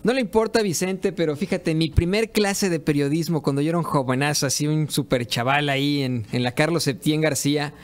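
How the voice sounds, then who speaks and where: A male co-host talks in casual panel chat, his voice sitting somewhat high. He tells stories in a loose, friendly, anecdotal way. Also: fairly even intonation, a little fast, hardly any pauses. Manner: chatty, anecdotal, fond reminiscing.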